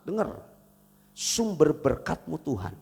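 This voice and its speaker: A man from Indonesia preaching a sermon as pastor, swinging between loud emphatic lines and soft, intimate asides. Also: a little high, big pitch swings, slow pace, creaky, slightly rough. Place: church hall. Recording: reverberant church hall, faint noise.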